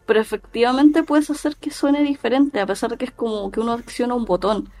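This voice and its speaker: A woman with a Chilean Spanish accent chats as a podcast co-host. Her voice is fairly high, and she retells scenes like a storyteller. Faint music plays underneath. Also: a little fast. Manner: animated storyteller, acts out quoted lines. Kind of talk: casual chat, retelling a film scene.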